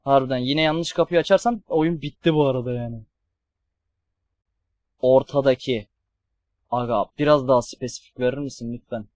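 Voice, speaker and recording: A young man streaming a horror game, swearing and yelling at the enemies on screen. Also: mid-range voice, fairly even intonation, moderate pace, pauses often, dry recording. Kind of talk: let's play commentary.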